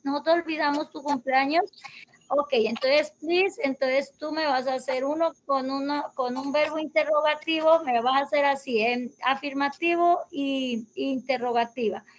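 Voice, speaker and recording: A woman's voice: high voice, moderate pace, highs cut off. A woman teaching English grammar over a video call, explaining patiently step by step. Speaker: English tutor.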